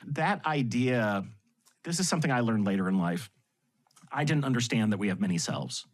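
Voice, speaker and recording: A man guesting on a podcast, telling anecdotes in an animated way and laughing often. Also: mid-range voice, moderate pace. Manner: animated storyteller with frequent laughs. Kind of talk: anecdotal storytelling in conversation.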